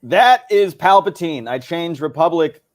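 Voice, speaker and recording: A young man co-hosting a casual history livestream, chatty and quick to laugh. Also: on the high side, expressive.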